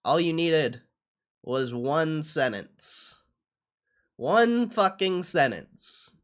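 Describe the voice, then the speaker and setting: Drawing out his words, a young man with a higher voice and big pitch swings reacts to on-screen content during a casual livestream. His chat is peppered with slang and swearing, and he repeats phrases often.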